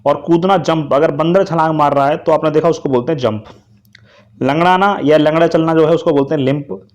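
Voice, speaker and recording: A man's voice: on the high side, a little fast. A man teaching English vocabulary to students, speaking to them directly and asking them to repeat each answer. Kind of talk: vocabulary lesson.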